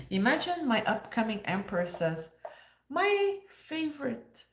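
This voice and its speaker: A woman's voice: medium pitch, a bit bright, roomy sound. Joking, laughing woman in her fifties. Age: 50s. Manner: joking, sarcastic, laughs often. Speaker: livestream host. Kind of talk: casual livestream chat.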